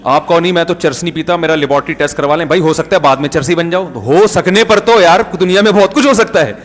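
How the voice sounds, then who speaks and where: Pakistani urdu guy preaching, jokey stories, kinda high voice, big hall echo. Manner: jokey storytelling, acts out dialogue. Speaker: Islamic preacher. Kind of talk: conversational sermon with anecdotes. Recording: long hall reverb.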